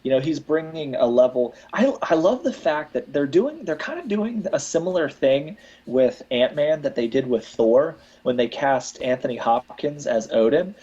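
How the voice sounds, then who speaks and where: A man's voice: a little high, lively intonation, normal speed, few pauses, dark tone, husky, muffled recording. A man hosting a casual live podcast, rambling with many restarts. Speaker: podcast host.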